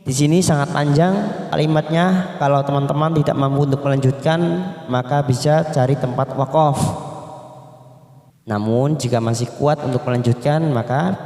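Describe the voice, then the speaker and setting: A man's voice: medium pitch, fairly even intonation, moderate pace, mellow. A man teaching Quran reading, over-enunciating each syllable as he explains and demonstrates melodic recitation. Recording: echoey room with long reverb.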